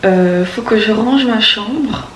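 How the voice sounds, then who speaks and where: A young female vlogger from the Paris region of France rambles slowly through a casual morning chat to camera at home, her mid-range voice strained by a sore throat. She hesitates, restarts often, and leans on fillers. The echoey indoor recording catches her far from the mic, with a faint hum.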